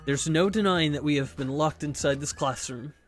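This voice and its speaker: A woman streamer reading game dialogue aloud, voicing every character in an animated way. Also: deep voice, moderate pace, over music.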